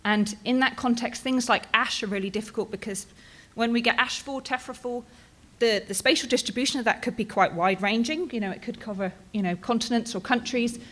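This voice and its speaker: A slightly high, fairly bright voice comes from a woman in her thirties who speaks a little fast and barely pauses. Presenting research at a conference in her Bristol-born British accent, she's relaxed and chatty, with frequent ums and "right?" tags.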